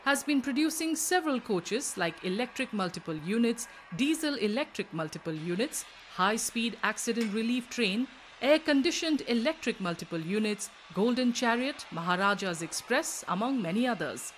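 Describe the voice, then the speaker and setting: A woman narrating a news report as a scripted voice-over, reading in an even, formal way. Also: fairly high pitch, moderate pace, a little hiss or hum.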